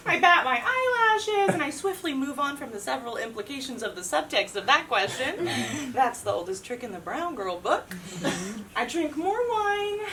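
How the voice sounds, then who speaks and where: A young woman doing a stand-up comedy monologue, profane and sarcastic, with an animated delivery. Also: high-pitched. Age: young adult. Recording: distant mic with loud room noise.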